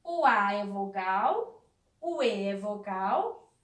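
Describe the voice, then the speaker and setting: A woman teaching a recorded spelling lesson to young children, talking slowly in a sing-song way and asking questions she answers herself. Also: medium pitch, lively intonation. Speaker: primary school teacher. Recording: echoey room, voice off-mic.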